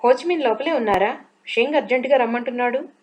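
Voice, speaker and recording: A woman voicing a tough male intelligence agent who speaks in clipped, low-key threats in an audiobook. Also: fast talker, natural voice. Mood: urgent.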